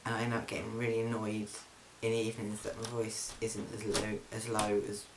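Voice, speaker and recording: A young English vlogger gives a casual video diary update from indoors in his flat, speaking briskly in a low-ish, monotone voice. He's chatty but keeps stumbling into ums and restarts. The background is noisy.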